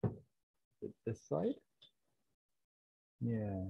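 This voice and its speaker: A man hosting an online quiz social over a video call, casually reading out the answer options with a playful, deadpan humor. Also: lowish voice, very slow, creaky, husky. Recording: tinny phone-like line.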